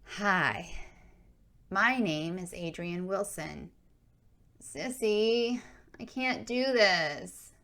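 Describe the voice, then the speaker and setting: A woman's voice: medium pitch, drawn-out words, long pauses, fairly bright tone. A woman voicing a shy, whining fifth-grade girl who hesitates over her words in a spoken memoir. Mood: whiny, reluctant.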